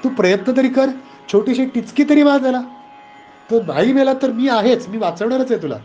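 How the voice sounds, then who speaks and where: A man's voice: very high-pitched, expressive, a little fast, warm tone, muffled recording, soft background music, pitched above the performer's own voice. A man voicing a playful young boy who teases and urges his frightened brother to try. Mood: urging. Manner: teasing, encouraging. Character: playful young boy Krishna, encouraging, teasing.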